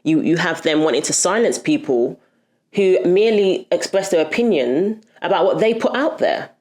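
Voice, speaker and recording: A woman's voice: lowish voice, expressive, normal speed, a little mellow. A woman hosting a commentary video, talking in an indignant, emphatic way. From Britain. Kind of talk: opinionated commentary.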